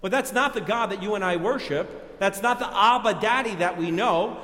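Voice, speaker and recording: A man's voice: sits high, moderate pace, a bit bright. A man with a New York accent preaching a sermon in a church, in a conversational, folksy way. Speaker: pastor. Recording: echoey church reverb.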